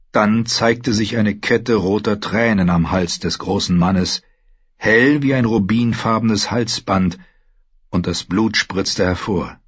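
A man reading a fantasy novel aloud as scripted narration, steady and measured. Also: fairly low pitch, husky, no room sound, muffled recording. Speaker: audiobook narrator.

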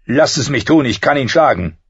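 A man's voice: mid-range voice, expressive, normal speed, gravelly, slightly rough, no room sound, highs cut off, voice pushed up. A man voicing a proud, eager teenage boy who speaks heatedly and challengingly.

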